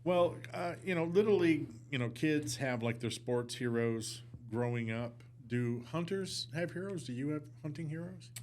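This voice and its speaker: A man's voice: on the high side, expressive, moderate pace, hardly any pauses, darkish tone, slight background noise. A man hosting a podcast, asking his guest questions in a casual, jokey way. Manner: jokey, laughs easily, asks leading questions. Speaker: podcast host. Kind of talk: casual interview chat.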